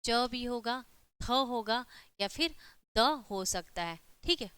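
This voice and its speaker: A woman's voice: a little high, expressive, takes it slowly, fairly bright tone, clear, resonant tone, no room sound. A woman teaching an online exam-prep lesson, explaining step by step with frequent rhetorical questions and repeated check-ins.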